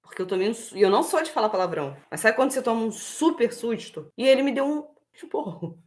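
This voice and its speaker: A woman's voice: on the high side, quick pace. Brazilian woman, parenting coach, firm delivery, plays both sides of family dialogue. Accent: Brazilian Portuguese. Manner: firm, lively, acts out quoted dialogue. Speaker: parenting educator. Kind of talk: direct-to-camera parenting advice.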